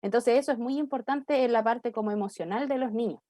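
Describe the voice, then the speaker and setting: A woman's voice: fairly high pitch, fairly quick, dark tone. A Chilean woman, a child development professional, explaining emotions in children during a church talk program, sometimes acting out a child's words. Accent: Chilean Spanish. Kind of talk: church talk show discussion.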